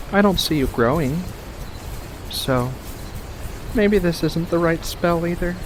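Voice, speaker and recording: Over a noisy background, a man with a fairly high voice plays a playful, mischievous furry witch of the woods in a soft-spoken ASMR roleplay. He teases and showers the listener with gentle endearments, in a musing mood.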